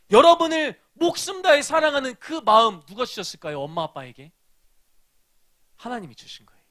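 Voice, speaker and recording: A man preaching a children's sermon as a pastor, telling a story and asking the children questions, moving between loud emphasis and hushed asides. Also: extremely high pitch.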